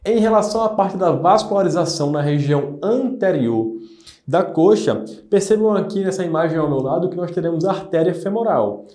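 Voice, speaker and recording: A man teaches anatomy in a careful, methodical way, often pausing to check that his listeners follow. His voice sits a little high yet sounds mellow and soft-edged. The room gives it a noticeable echo. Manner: methodical, repeats terms, checks in with "ok?" and "né?". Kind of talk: explanatory lecture.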